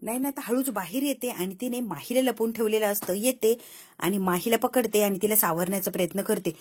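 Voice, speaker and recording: Husky woman recapping a TV serial. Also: medium pitch, brisk, darkish tone. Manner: retells scenes, voicing each character's lines herself. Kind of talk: casual storytelling recap with acted dialogue.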